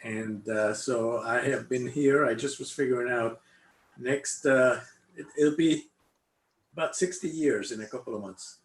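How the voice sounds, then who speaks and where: An older Cuban man, a member of the congregation, is interviewed over an online video call from an indoor room. His mid-pitched voice comes out in a halting, conversational way as he casually recollects the past. The room is echoey and roomy-sounding, with faint background noise.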